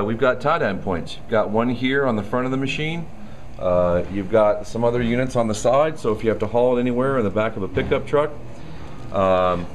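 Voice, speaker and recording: This equipment salesman has a mid-range, slightly mellow voice. Showing off a machine in a store showroom, he delivers a relaxed walkaround demo full of ums and uhs, over a faint hiss or hum.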